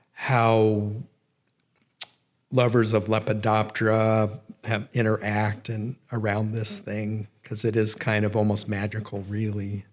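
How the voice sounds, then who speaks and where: Middle-aged male lecturer, lowish voice, meandering and self-correcting delivery. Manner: rambling, self-correcting, with frequent fillers. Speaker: guest lecturer. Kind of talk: public lecture. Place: nature center event room.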